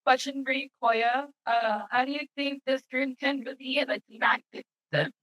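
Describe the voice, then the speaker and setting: A woman acting as interviewer, putting questions to players in a brisk, to-the-point way. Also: high-pitched, fairly bright tone, low-quality recording.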